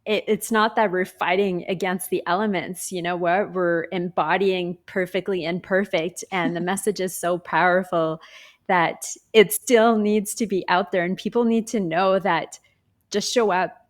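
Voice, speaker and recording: A woman's voice: on the low side, steady tone, moderate pace. A woman from Canada, a guest speaking over a laggy video call, talking in an earnest, upbeat, encouraging way. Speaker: guest, business owner. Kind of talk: motivational conversation. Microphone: video call with lag.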